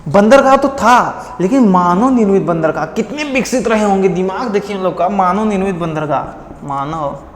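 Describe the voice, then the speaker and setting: A man's voice: sits high, lively intonation, normal speed, roomy sound, in a large hall, slight background noise. A man from India teaching an exam-prep history lesson, quizzing his students by repeating each key fact as a question and giving memory tricks.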